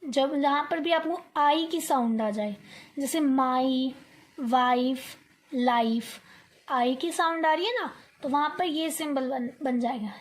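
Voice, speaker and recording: A woman's voice: high-pitched, slow. A young woman teaching an online lesson, coaxing her students, repeating words aloud to drill the sounds and checking in often. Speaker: English teacher.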